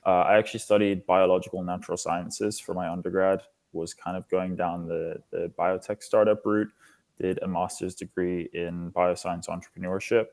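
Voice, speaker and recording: Appearing as an interview guest, a foundation lead from Singapore in his twenties gives explanatory answers about his work. He has a deep, slightly mellow voice, speaks at a moderate pace, and has a flat delivery.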